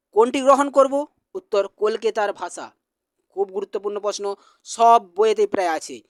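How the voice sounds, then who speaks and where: A man teaching, reading exam questions and their answers in a brisk, repetitive quiz drill. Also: high voice, no room sound, clean studio sound.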